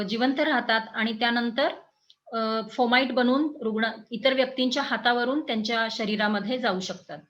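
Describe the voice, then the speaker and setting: A woman giving an explanatory health talk as an educator, in a measured teaching tone with frequent pauses and fillers. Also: fairly high pitch, a bit bright, poor audio.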